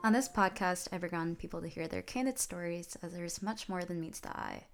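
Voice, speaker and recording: A woman's voice: lowish voice, a little fast, faint music behind. A young woman hosting a podcast, chatting casually and laughing often with a friend over a video call. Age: young adult. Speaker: podcast host. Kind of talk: casual interview.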